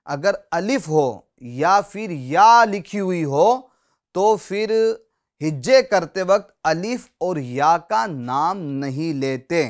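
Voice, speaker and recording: A man teaching Quran reading in a spoken lesson. He repeats each example slowly and patiently, speaks straight to the viewers and asks them to read along, and often says "theek hai" between points. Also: a little high.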